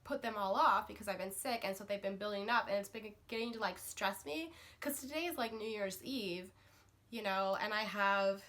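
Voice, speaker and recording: Getting over a cold, a woman who vlogs about books talks to camera in a medium-pitched, fairly bright voice at normal speed. The chat is rambling, with frequent fillers and restarts.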